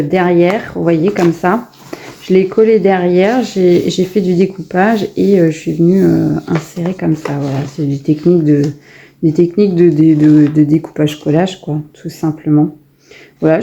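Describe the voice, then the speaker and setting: A woman's voice: fairly low pitch, warm tone, muffled recording. A woman casually showing her finished coloring pages in a vlog, chatty and full of hesitations and restarts. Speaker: coloring vlogger. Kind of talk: casual show-and-tell vlog.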